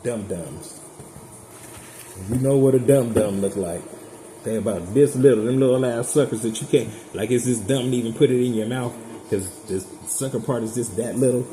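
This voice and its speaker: A tarot reader, a man with a medium-pitched, dark voice at a moderate pace, gives a casual reading straight to his viewers. He is chatty, blunt and profane, and the room echoes with background noise.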